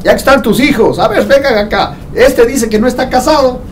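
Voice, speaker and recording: A man's voice: very high voice, brisk, distant mic, crowd noise. A man preaching a sermon to a congregation in a conversational way, joking with them as he goes. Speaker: pastor. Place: church hall.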